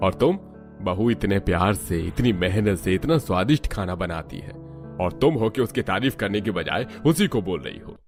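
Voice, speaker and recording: A man's voice: low voice, big pitch swings, moderate pace, faint music behind. A man playing a teasing old father-in-law. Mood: chiding. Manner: teasing, scolding his wife. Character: good-natured older father-in-law. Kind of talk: animated family drama voice acting.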